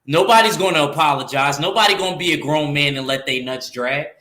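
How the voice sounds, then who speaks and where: This podcast co-host has a New York accent and a voice on the high side, talking fairly quickly in a roomy-sounding space. On his casual boxing show he hammers his point with animated emphasis, saying things twice for effect.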